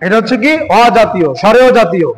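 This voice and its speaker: A male teacher giving a slow pronunciation lesson, asking the class questions and repeating letter sounds again and again. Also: high voice, low-quality recording. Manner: repeats letter sounds many times in a row. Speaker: Quran teacher.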